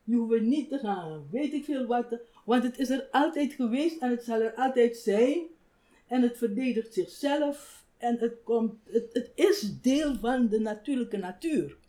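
An older woman, a writer, telling stories in a relaxed conversational interview, animated and laughing often. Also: a little high, measured pace. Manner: animated, acts out quoted voices, laughs often. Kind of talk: reflective conversational storytelling.

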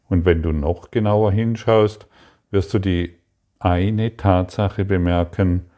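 A man giving a spoken spiritual lesson, calm and repetitive, addressing the listener directly. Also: deep voice. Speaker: spiritual teacher.

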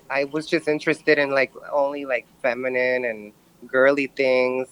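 A podcast guest in their early thirties with a male-sounding, medium-pitched voice. They are from Brooklyn and answer personal questions reflectively, with halting phrasing. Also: fairly bright tone, no echo, poor audio. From Brooklyn, New York. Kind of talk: personal interview.

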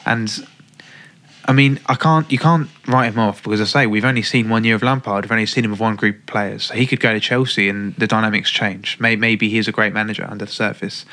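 A man's voice: fairly low pitch, fairly even intonation, fast talker, pushed and bright. A man chatting casually about football on a podcast, hesitant and often restarting. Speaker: podcast guest.

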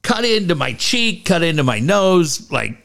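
A man's voice: on the high side, very animated, a little slow, vocal fry, fairly bright tone. A man co-hosting a casual sports talk show, sounding stuffed up from nose packing, rambling and slangy with some swearing.

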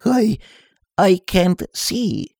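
A man's voice: high-pitched, animated, extremely slow, vocal fry, a little mellow, dry recording, clean studio sound, voice pushed up, heavily acted. A man voicing a jittery, panicky young man in a story reading, stammering and frantic. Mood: frightened.

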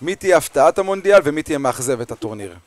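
A man's voice: on the high side, lively intonation, dry recording. A man hosting a sports radio show and interviewing a guest in casual chat, with enthusiastic interjections.

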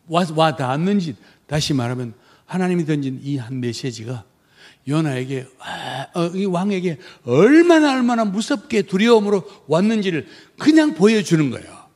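Husky, animated male missionary preacher. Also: high voice. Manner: emphatic, rhetorical questions to the congregation. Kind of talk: sermon.

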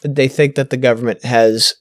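A man's voice: medium pitch, steady tone, dry recording. Wry man with a dry close sound. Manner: wry, swearing, halting restarts. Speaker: podcast co-host. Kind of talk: casual chat, reading news stories.

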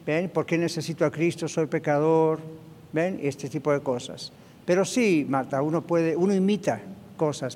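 A man's voice: a little high, a little mellow. A man preaching a sermon, emphatic, often checking in with his congregation with short tag questions. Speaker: pastor. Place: church hall. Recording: reverberant hall.

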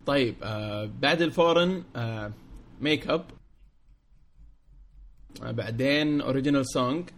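Gulf man casually hosting, medium pitch. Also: moderate pace, pauses often, a bit bright. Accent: Gulf Arabic. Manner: mixes in English words. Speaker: film show host. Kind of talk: casual chat.

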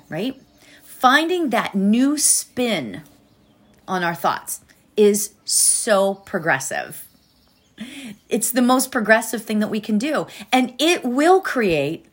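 Slow-paced woman leading meditation. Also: on the high side. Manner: encouraging, informal, repeats phrases for emphasis. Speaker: meditation teacher. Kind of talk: guided meditation and motivational coaching.

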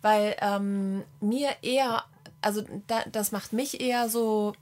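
A woman's voice: mid-range voice, steady tone, takes it slowly, darkish tone. A woman co-hosting a casual podcast chat, listening and backing up her partner with short agreements and dry remarks. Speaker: podcast co-host.

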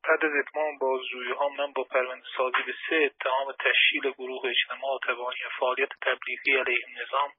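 Husky man on a tinny phone line. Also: mid-range voice. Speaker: imprisoned labour activist. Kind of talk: prepared personal statement. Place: phone call from prison. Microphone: telephone handset.

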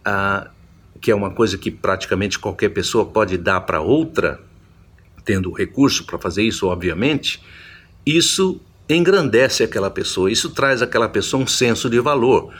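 Husky-voiced preacher. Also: male voice, fairly low pitch, moderate pace, fairly bright tone. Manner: reflective, repeats and restarts phrases while explaining. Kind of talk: Bible teaching sermon.

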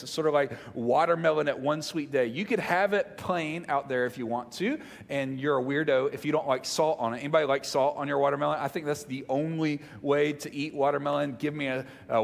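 A man with a Southern US accent preaching conversationally to a congregation, emphatic, repeating phrases and putting questions to his listeners. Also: a little high. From Mississippi, United States. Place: large reverberant room, speaking to a congregation. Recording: reverberant hall sound.

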